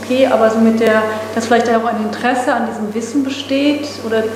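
A woman moderates a lecture discussion, putting her questions in a hesitant, searching way. Her fairly high voice stays level and even. The hall around her rings strongly, with clear background noise. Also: fast.

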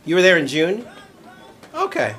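A man's voice: sits high, huge pitch swings, normal speed, a bit bright. A man from Brooklyn streams a pinball table live, cracking jokes, laughing often and greeting his viewers by name. His voice leaps up and down with a lot of swing, and he sounds a little tipsy. Faint game music plays underneath. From Brooklyn, New York. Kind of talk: casual live-stream commentary.

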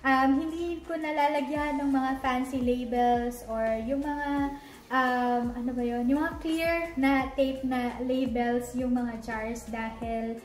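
A woman's voice: high voice, fairly even intonation, takes it slowly. Chatty woman vlogging about home organizing. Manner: chatty, mixes English into her talk, frequent fillers. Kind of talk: casual home vlog narration. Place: home dining area, indoors.

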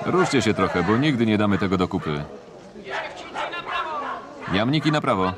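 Deep-voiced man reading a film voice-over. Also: sing-song, normal speed. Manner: reads every character's lines in one voice. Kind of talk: single-voice film voice-over reading all dialogue. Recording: voice-over over film soundtrack with crowd noise.

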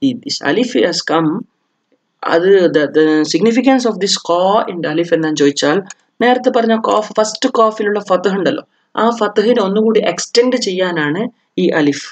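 A man's voice: high voice, animated, measured pace. A man teaching Arabic grammar, explaining step by step with many fillers and self-corrections. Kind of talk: lesson mixing two languages.

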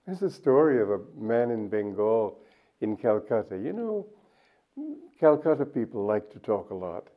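An older man giving a gentle, reflective spiritual talk, musing aloud and often saying "you know", seated in a studio before a microphone. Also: on the low side, big pitch swings, moderate pace. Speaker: spiritual teacher. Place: indoor studio set. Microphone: microphone on a stand in front. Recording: tinny narrow-band sound.

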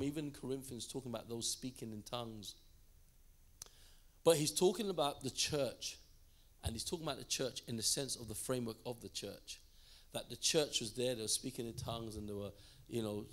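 A middle-aged man, a pastor, telling a story in a sermon in a church hall, acting out his own thoughts with lots of laughter. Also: medium pitch. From England.

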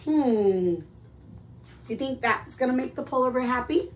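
A preschool teacher reading a picture book aloud to children, expressive and asking them questions. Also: female voice, high-pitched, fast, slight background noise, rough recording.

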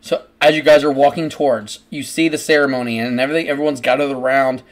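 A man's voice: mid-range voice, steady tone, fast. A man narrating a tabletop game as game master over an online call, rambling casually with frequent restarts. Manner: rambling, many restarts and fillers.

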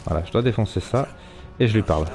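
A man's voice: fairly low pitch, expressive, fast, music in the background. A man streaming a live game, chatting loosely, cursing and talking to the animals he rides. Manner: chatty, swearing, talks to his animals. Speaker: let's play streamer. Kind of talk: live gameplay commentary.

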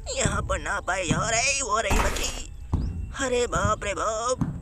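A man's voice: sits high, takes it slowly, heavy background noise. A man voicing a timid, whiny young cartoon sidekick who pleads and frightens easily, acting over gameplay. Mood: scared. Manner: pleading, frightened, calls everyone "bhaiya".

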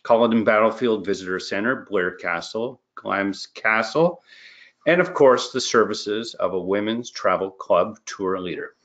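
A man presenting travel tour highlights in a casual way, correcting himself and fumbling some place names. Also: a little slow, a bit bright. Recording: muffled lo-fi recording.

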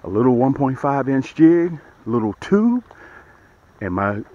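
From a small boat on a rainy lake in the early morning, a fishing channel host chats excitably and repetitively to viewers, often slipping into a hushed voice on the water. His mid-range voice moves a little slowly. Sound comes from an action camera mounted on the boat, dull and lo-fi with faint outdoor noise.

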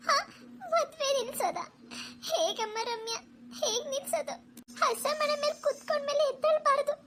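A woman's voice: extremely high pitch, moderate pace, background noise, voice pushed up. A woman voicing a worried, tearful middle-aged mother in a cartoon, fretting and weepy. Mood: fretful. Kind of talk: cartoon voice acting.

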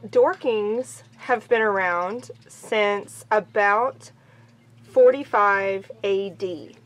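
Sitting out on a porch, a woman who owns a small farm speaks earnestly to camera for her casual vlog. Her voice is mid-range, and the audio quality is poor.

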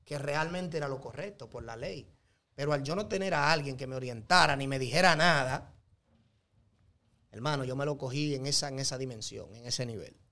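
A man's voice: mid-range voice, a little fast, pushed and bright. A man with a Dominican accent giving an earnest, emphatic faith testimony as an interview guest, with a preacher-like cadence. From Dominican Republic.

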